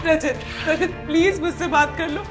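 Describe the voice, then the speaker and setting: A desperate young wife in a melodramatic web drama, pleading and sobbing, as an actress plays her. Her voice sits strikingly high, and soft music plays behind her. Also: moderate pace. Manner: pleading, breaks into sobbing appeals. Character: desperate married young woman deep in debt. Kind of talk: melodramatic Hindi short-drama acting.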